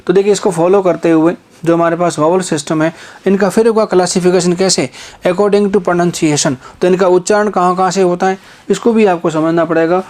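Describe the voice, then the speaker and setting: A man's voice: high-pitched, a little mellow. A male teacher giving an exam-prep phonetics lesson, asking repeated rhetorical questions and drawing out example vowels.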